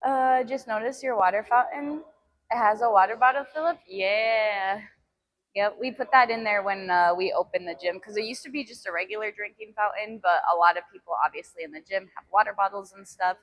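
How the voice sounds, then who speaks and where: Fairly quick and fairly bright, this woman's mid-range voice carries a casual fitness live stream from a gym. Her first language is Albanian, and she keeps laughing as she reads the chat aloud between sets.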